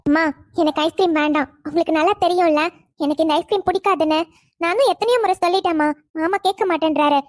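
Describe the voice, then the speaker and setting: A firm young cartoon heroine, with a very high, light voice. She speaks softly but holds her ground, recorded dry and close. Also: fast, no room sound. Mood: defiant. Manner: soft and sweet, then firm and refusing. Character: young woman of marriageable age, firm and guarded.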